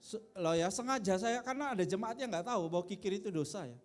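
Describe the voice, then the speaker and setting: A man from Indonesia preaching a sermon to his congregation. He talks in a relaxed, chatty way, often speaking softly before suddenly pushing his voice up and out to stress a point. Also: high-pitched, fast. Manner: casual, conversational preaching with sudden loud emphatic bursts and quiet asides. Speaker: pastor. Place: church worship service.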